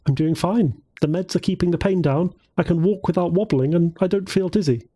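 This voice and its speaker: A man's voice: high-pitched, brisk, dark tone, slightly rough, voice pushed up. A man voicing a hopeful devout young woman. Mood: polite.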